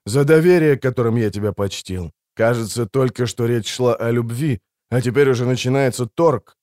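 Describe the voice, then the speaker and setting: A man's voice: medium pitch, normal speed, a little mellow, no echo, studio quality, close to an everyday voice. A man voicing a weary male monster hunter in an audiobook, speaking curtly and guardedly. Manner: curt, guarded, few words. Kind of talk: audiobook character reading.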